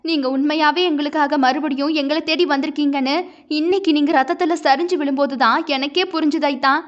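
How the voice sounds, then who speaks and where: A woman's voice: high-pitched, steady tone, fairly quick, highs cut off, close to an everyday voice. A woman voicing a grieving young wife, impassioned and pleading through tears. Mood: tender.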